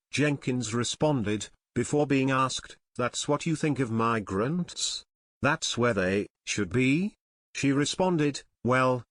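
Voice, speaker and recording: A man's voice: medium pitch, a bit bright, no room sound. Dry, plain male news narrator. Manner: reads quoted lines in the same plain narrating voice.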